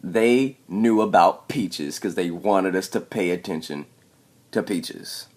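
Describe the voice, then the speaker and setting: A man with a very low voice talks through his theory over video clips. He drives each point home and keeps tagging on a questioning "okay?" as he goes. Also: slow, darkish tone. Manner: emphatic, repeats "okay?" to press points. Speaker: video commentator. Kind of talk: explanatory commentary over clips.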